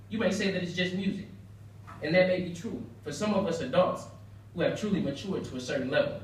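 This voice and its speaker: A young American man delivers a prepared persuasive speech in an earnest, emphatic manner, leaning on rhetorical repetition. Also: fairly high pitch. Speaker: speaker at a banquet. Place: indoor banquet room, heard from far off. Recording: very echoey room, distant mic, faint noise.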